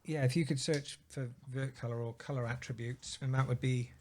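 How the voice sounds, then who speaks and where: A man on a video call, casually working through a software problem out loud, trailing off and restarting as he thinks. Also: medium pitch, fairly even intonation, fairly quick, slight background noise. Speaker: software user on a live Q&A. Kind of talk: casual technical problem-solving chat.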